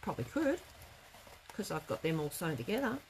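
A middle-aged woman with a lowish, sing-song voice talks a little fast as she teaches a live craft class, chatting informally and rambling somewhat. The setting is an indoor craft studio workroom. The audio is poor, with noticeable room noise behind her.

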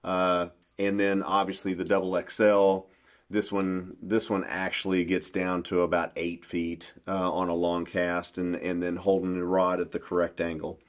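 A middle-aged man, a bass fishing pro, explaining his baits in a casual, folksy interview with plenty of restarts, recorded in a small room. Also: completely flat delivery, moderate pace. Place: small indoor room at a table.

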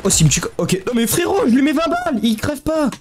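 A man giving casual gameplay commentary, excitable and slangy, often yelling at the game. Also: very high voice, a little fast, background noise. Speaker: gaming YouTuber.

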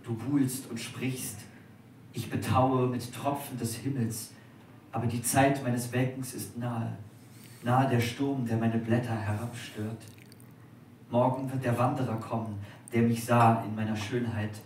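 A man's voice: sits high, fairly even intonation, drawn-out words, long pauses, distant mic, voice pushed up. Despairing young lover, read by a man, pleading and anguished, heard from afar in an echoey dining room with faint noise. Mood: mournful. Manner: pleading, raised voice in calls. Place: restaurant at a live dinner reading.

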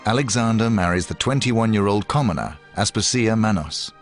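A man reading scripted documentary narration in a measured, even storytelling manner. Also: fairly low pitch. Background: music.

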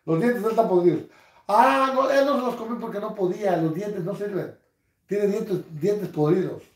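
A man, hosting a casual livestream from his couch, reading comments with crude, mocking humor and bursts of loud laughter. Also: sits high, moderate pace, reverberant. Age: 60s. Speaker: livestream host. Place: living room, seated on a couch at home.

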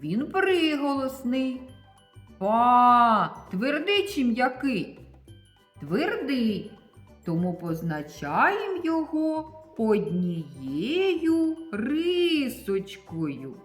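A woman teacher giving a slow, deliberate lesson to young children, stressing each syllable. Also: sits high.

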